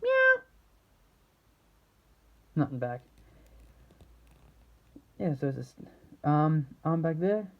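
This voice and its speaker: Man, somewhat high-pitched, casual reviewer, meandering, halting delivery, muffled low-fidelity audio. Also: animated. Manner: rambling, halting, trailing off mid-thought. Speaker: action figure reviewer. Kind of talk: casual unscripted product showcase.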